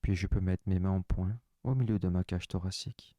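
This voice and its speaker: A man with a very deep voice guides a slow relaxation session. He speaks softly and calmly, in the first person, leading breathing and stretching. The sound is dry and close, with no room echo. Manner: slow, soft, calm first-person instructions.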